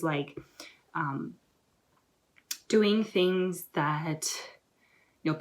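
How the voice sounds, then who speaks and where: A young woman vlogger talking casually and excitedly to camera, rambling with lots of filler words as she gives motivational advice. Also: fairly low pitch.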